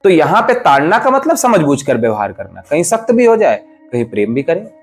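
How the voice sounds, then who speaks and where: A male spiritual teacher lecturing with strong emphasis, his fairly high voice swooping up and down to stress each point. He explains patiently and pushes hard on key words, with soft music faint in the background. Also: sing-song, a little fast. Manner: emphatic, explanatory, rises and falls sharply for stress. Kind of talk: devotional discourse.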